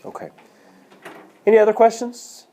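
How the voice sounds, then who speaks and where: A warm, high-pitched male voice with little pitch movement and a normal pace teaches math, walking students through a problem and asking questions to check on them. Slightly hoarse, he coughs occasionally. It's a lecture screencast recorded on a tablet mic.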